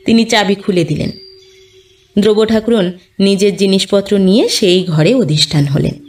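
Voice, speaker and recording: A woman narrating a classic short story in a slow, measured reading. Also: mid-range voice. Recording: distant mic, faint background music.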